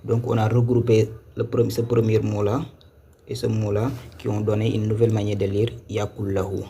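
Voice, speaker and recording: A man teaching Quran reading in a live online lesson, patiently repeating and spelling out syllables slowly. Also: on the low side, monotone, gravelly, mellow, slight background noise.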